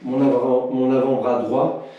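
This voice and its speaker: A man's voice: mid-range voice, little pitch movement, a little slow, phone-quality sound. Man coaching self-defense from across an echoey room. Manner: shouts counts loudly, then jokes casually. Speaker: krav maga instructor. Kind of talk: live online class, counting drills and chatting with viewers. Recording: distant mic in echoey room.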